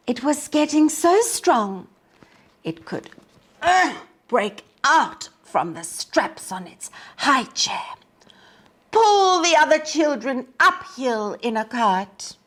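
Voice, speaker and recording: A storytime host with a fairly high voice reads a storybook aloud to young children. She reads deliberately and with plenty of expression.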